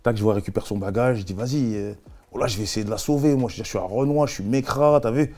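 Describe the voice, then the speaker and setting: Man, interview guest, quick slangy storytelling, sound effects, animated. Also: fairly low pitch. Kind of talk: casual storytelling in street slang.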